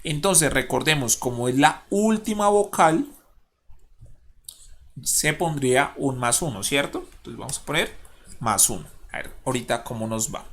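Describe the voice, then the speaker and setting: A man's voice: medium pitch, lively intonation, normal speed, fairly bright tone. A male schoolteacher with a Colombian accent, recording an online lesson for his pupils. He talks patiently, asks the class questions and counts syllables aloud. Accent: Colombian Spanish.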